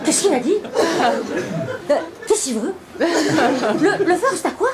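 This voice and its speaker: A woman's voice: high voice, animated, slow, over a noisy crowd. A middle-aged woman comedian telling a self-mocking story on a theater stage. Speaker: stand-up comedian. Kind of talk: stand-up storytelling. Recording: live theater with loud audience laughter.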